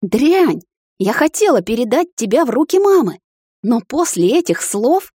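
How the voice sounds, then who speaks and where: A woman voicing a proud young witch heroine who is cool and mocking but quick to flare up. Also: on the high side, very animated, a little mellow, breathy edge, dry recording, studio quality, pitched above the performer's own voice. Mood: angry.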